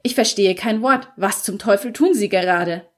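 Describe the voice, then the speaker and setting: A woman's voice: medium pitch, normal speed, close to an everyday voice. An impatient, stiff businessman, as a woman reading aloud plays him pushes through clipped lines. The voice stays close to the reader's own, as in a storybook reading.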